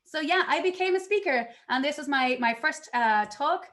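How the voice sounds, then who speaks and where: A woman giving a conference talk, telling her story in an animated way and acting out her own past reactions. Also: high-pitched, moderate pace. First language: not English. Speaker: conference speaker.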